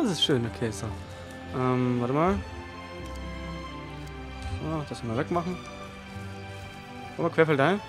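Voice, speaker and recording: A man giving casual gameplay commentary as a let's player, flippant and sarcastic. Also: medium pitch.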